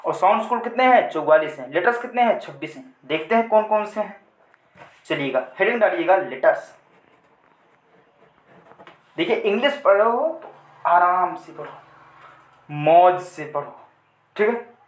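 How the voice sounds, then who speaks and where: A man's voice: sits high, animated, normal speed, pauses often, roomy sound. A male teacher giving an English lesson in Hindi, repeating points and answering his own questions as he drills his viewers. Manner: addresses viewers as friends.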